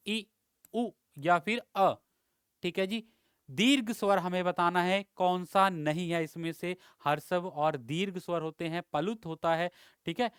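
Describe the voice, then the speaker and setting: A man's voice: high-pitched, fairly bright tone, clear, resonant tone, no room sound, studio quality. A man teaching an exam-prep grammar lesson, explaining step by step, quizzing his students and drawing out vowel sounds to show them.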